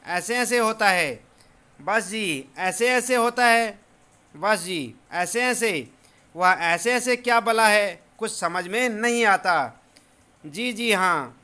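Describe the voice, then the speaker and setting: Bewildered father recounting his son's complaint, read by a male teacher, high and bright. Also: smooth, heavily acted. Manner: explaining, bewildered. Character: puzzled father of a sick boy.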